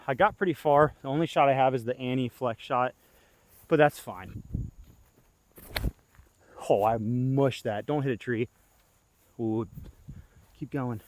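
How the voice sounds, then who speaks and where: Young male vlogger outdoors, casual play-by-play, out of breath, jumps to excited yelps at his throws, mid-pitch voice. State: winded and tired. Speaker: disc golf vlogger. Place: outdoor disc golf course.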